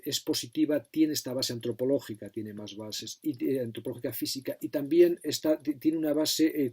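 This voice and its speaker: A man's voice: mid-range voice, a little mellow, breathy edge. A middle-aged man giving a recorded philosophy lecture to his students, thinking aloud with frequent fillers and self-corrections.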